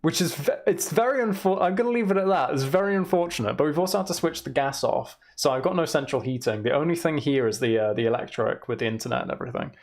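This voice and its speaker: A young man chats casually and in a rambling way as he livestreams, his creaky voice echoing around an emptied room. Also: a little high, quick pace, few pauses. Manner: rambling, chatty. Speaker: streamer. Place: emptied room in a house, indoors. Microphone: microphone attached to a shelf.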